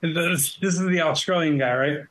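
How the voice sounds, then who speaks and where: Laid-back curious podcast co-host. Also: male voice, fairly high pitch, moderate pace, fairly bright tone, rough recording. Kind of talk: casual chat.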